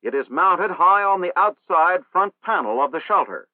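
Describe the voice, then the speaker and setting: Through the thin, tinny soundtrack of a 1960s film, a man delivers scripted training narration in a formal, measured manner. His fairly high voice is expressive, and the recording is dry with no room sound.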